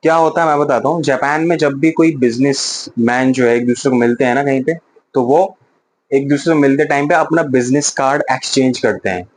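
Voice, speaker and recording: Man, casual language teacher, slow loud repeated example sentences, mid pitch. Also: rough recording. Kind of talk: casual vocabulary lesson.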